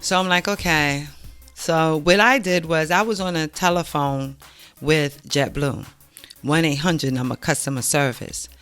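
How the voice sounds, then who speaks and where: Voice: mid-range voice, unhurried, smooth, soft background music. Vlog host telling a story, all worked up, acts out what everyone said. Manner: animated, exasperated retelling with acted quotes. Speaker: channel host.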